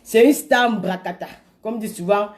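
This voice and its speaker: A woman hosting a comedic live stream, commenting in a lively, emphatic and repetitive way. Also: mid-range voice, moderate pace.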